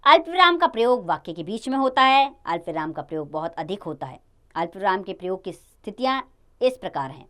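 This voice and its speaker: A young woman explains grammar to schoolchildren in an animated voice that swings widely in pitch. Her tone is smooth and resonant, and she leans hard on key words before dropping low at each sentence's end. The pacing sounds like a patient classroom lesson. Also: brisk. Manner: lively, stresses key words, drops low at sentence ends. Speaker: teacher. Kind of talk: Hindi grammar lesson for children.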